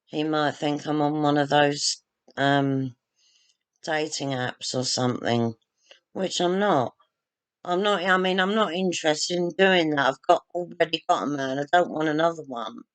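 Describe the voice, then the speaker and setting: A woman's voice: deep voice, a bit bright. A woman chatting to her viewers at home, rambling and self-deprecating as she moves around the room with her phone camera. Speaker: vlogger. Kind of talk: casual chat to camera. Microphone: phone or laptop camera, not a proper webcam.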